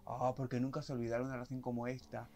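A young man, reacting excitedly to a series episode and reading its subtitles aloud, often shrieking. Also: medium pitch, rapid-fire. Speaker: reaction video host. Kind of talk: casual reaction commentary.

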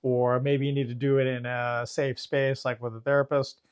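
A man, a therapist co-hosting a podcast, explaining calmly and mixing clinical terms with casual swearing. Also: mid-range voice, normal speed, clear, resonant tone. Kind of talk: casual chat.

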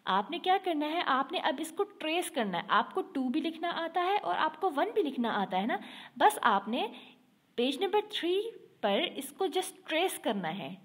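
A woman class teacher giving a slow, patient online lesson to young students, mixing English into her talk and often checking "okay". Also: high-pitched, big pitch swings. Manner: mixes English with Urdu-Hindi.

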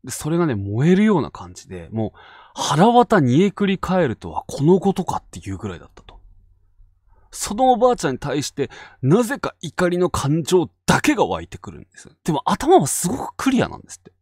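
A man from Fukushima hosting and narrating a spoken ghost story, dropping to hushed tones for tension. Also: a little high, huge pitch swings, fairly quick, breathy edge, dry recording, clean studio sound. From Fukushima Prefecture, Japan. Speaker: ghost story teller and host.

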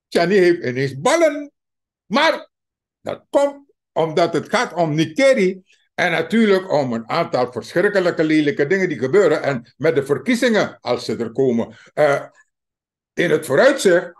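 A man with a Surinamese Dutch accent giving a mocking, emphatic political commentary to his viewers. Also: sits high. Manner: slow, mocking, emphatic, addresses viewers as dear friends. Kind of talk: opinion commentary monologue.

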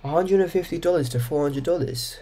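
A young man hosting a reaction video, commenting casually and breaking into loud, mocking bursts of disbelief. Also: fairly high pitch, a little fast.

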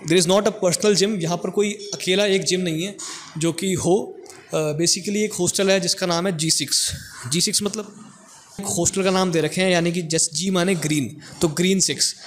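A man's voice: a little high, a little hiss or hum. Chatty young man touring a gym. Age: young adult. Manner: chatty, joking, addresses viewers directly. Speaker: vlogger giving a gym tour. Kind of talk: casual walking tour vlog. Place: indoor college gym, medium-sized room. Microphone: clip-on lapel mic.

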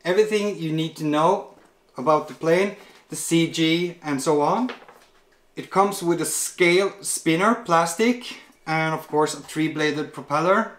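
Guy in his 40s unboxing an rc plane, laid-back, lots of uhs, kinda higher voice, echoey room. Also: measured pace. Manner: relaxed, hesitant with many filler sounds. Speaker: RC model reviewer. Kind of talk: product unboxing review.

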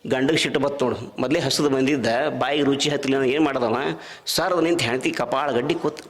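A man's voice: mid-range voice, fairly even intonation, a little fast, long reverb tail. A man with a North Karnataka Kannada accent preaching a devotional sermon, telling folk stories and asking the crowd rhetorical questions. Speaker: preacher at a spiritual discourse.

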